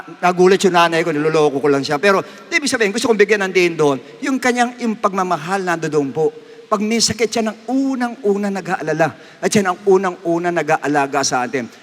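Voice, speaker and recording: A man, a pastor, preaching a sermon with emotion, pushing his voice up for emphasis. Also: fairly bright tone. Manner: emotional, rising to emphatic high pitch. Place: church worship service. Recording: long echo of a church hall.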